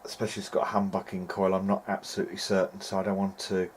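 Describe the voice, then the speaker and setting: A man with a low-sitting voice races through informal workbench commentary as a radio restoration hobbyist. Despite the speed he sounds hesitant, thinking aloud, against clear, steady background noise.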